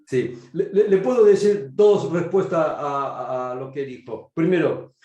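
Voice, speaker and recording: This online class features a Korean-accented man teaching biblical Greek grammar in Spanish, his second language, who keeps asking "¿sí?" to confirm students are keeping up. His slightly high voice has a dark tone and an unhurried pace, in reverberant audio with the highs cut off.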